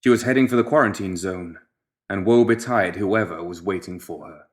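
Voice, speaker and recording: A man works as an audiobook narrator, reading scripted fiction in a measured, dramatic storytelling style. His voice sits low.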